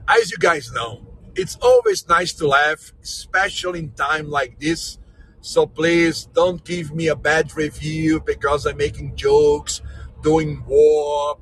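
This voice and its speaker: The Brazilian-born, Austrian-raised guide keeps up a jokey, energetic live virtual tour, chatting casually in non-native English with viewers from inside a moving vehicle. His bright voice sits fairly high, while the poor audio is layered with vehicle noise.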